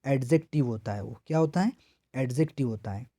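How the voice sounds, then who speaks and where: A man's voice: mid-range voice, fairly quick, dark tone, dry recording, clean studio sound. A man from India teaching an exam preparation grammar lesson. He keeps asking his own questions and answering them, and he repeats each answer several times. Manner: repetitive call-and-response questioning.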